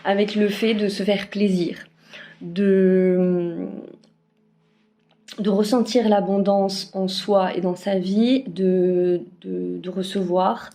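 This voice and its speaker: A woman talks through her weekly card-reading forecast in a loose, halting way, full of fillers and restarts. Her voice sits at a middle pitch and has a warm, mellow tone. She records it on her phone. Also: steady tone. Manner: hesitant, many fillers and restarts. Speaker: spiritual card reader. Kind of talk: casual weekly energy forecast. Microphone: phone camera.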